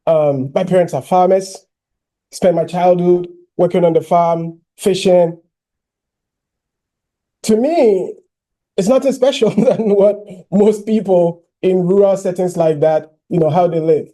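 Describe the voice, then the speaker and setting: A man in his thirties from Ghana, giving a personal keynote speech as an animated storyteller who often says "you know". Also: high voice, a little slow. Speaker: keynote speaker.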